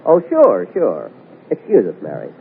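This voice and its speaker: A man hosting a 1940s radio comedy, delivering his lines with indignant, deadpan comic timing, heard as an old AM radio broadcast. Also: lowish voice, normal speed, creaky, phone-quality sound, very noisy. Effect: old AM radio broadcast sound.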